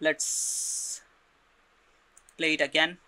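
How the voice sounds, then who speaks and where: Sharp-voiced man walking through a tutorial. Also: fairly high pitch, flat delivery, very slow, no echo. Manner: explains step by step, often checks in with "right?" and repeats words. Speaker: tutorial presenter. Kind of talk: screen-recorded software tutorial.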